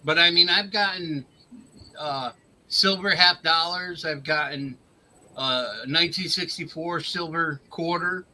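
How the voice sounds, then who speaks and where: A man in his fifties with a very bright, sharp voice pitched fairly high. He chats casually, joking and lingering on details. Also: unhurried, a little hiss or hum, rough recording. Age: 50s. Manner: joking, chatty, detailed about his finds. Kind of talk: casual chat.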